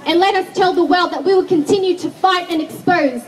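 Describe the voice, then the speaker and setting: A woman's voice: very high voice, brisk. A woman from Australia delivering an earnest, declamatory prepared speech at an outdoor street rally. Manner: earnest, declamatory, rising to shouts. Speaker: rally speaker. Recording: distant mic, faint noise at an outdoor rally. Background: crowd and street ambience.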